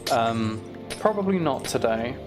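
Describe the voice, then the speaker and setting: Over music, a British man offers relaxed, unhurried commentary on the game he's playing, musing aloud and cursing lightly. His mid-range voice carries a lively intonation.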